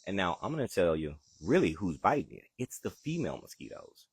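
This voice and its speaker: Low-pitched and slightly rough, this man's voice is very animated and fairly quick, with no echo. He hosts a gardening show, chatting live outdoors in his backyard with a Southern accent and casually answering what viewers ask.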